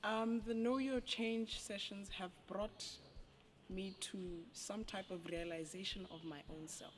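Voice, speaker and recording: A young adult musician, answering interview questions in a deliberate way. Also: medium pitch, fairly even intonation, a little hiss or hum. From Botswana.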